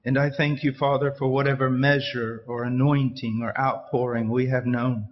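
A man preaching a sermon at a pulpit microphone. He speaks in earnest, short phrases and pauses after each one for an interpreter. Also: medium pitch, little pitch movement, muffled recording.

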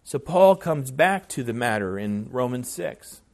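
A man's voice: mid-range voice, lively intonation, unhurried, vocal fry, darkish tone. A man preaching an expository sermon as pastor, earnest and emphatic, with repeated phrases and some fillers.

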